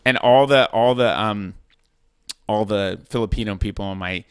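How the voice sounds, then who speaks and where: A man's voice: on the low side, normal speed, clear, resonant tone, no echo, clean studio sound. A man hosting a podcast, chatting casually with his guest and laughing easily. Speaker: podcast host. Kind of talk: casual interview chat.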